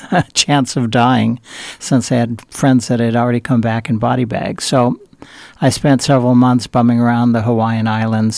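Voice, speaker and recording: A man's voice: mid-range voice, vocal fry, a little mellow, dry recording. An older man from Southern California, a guest in an interview, telling rambling stories with many fillers and restarts. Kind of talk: interview storytelling.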